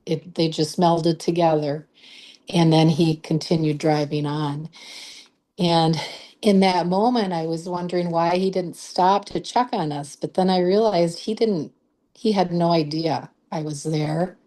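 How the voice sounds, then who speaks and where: A woman guest in an interview, telling a personal story slowly and hesitantly, with many fillers. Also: on the low side, fairly even intonation, warm tone. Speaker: guest, Reiki practitioner and author.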